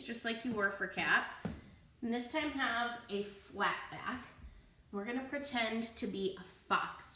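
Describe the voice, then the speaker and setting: A young woman leading a children's yoga class, giving playful, encouraging step-by-step cues in a slow, easy rhythm. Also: mid-range voice, pushed and bright, far from the mic. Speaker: kids yoga teacher. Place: room with children. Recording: echoey room, voice from afar.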